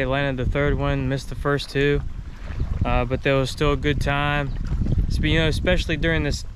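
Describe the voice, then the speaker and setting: A young man talks cheerfully to his viewers as he fights a fish on a riverbank, his voice a touch high for a man. He is caught by a camera a few meters away, and loud wind and rushing water sit under every word. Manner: upbeat, talks to viewers while reeling in fish. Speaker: fishing channel host. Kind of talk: casual vlog narration while fishing. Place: outdoors on a rocky riverbank. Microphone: camera on a tripod several meters off, later close camera.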